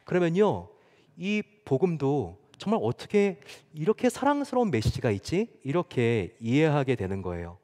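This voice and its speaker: A male pastor preaching a sermon, animated and conversational, telling stories with acted quotes. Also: mid-range voice. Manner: lively storytelling with chuckles and acted quotes. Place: church sanctuary. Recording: long church hall reverb.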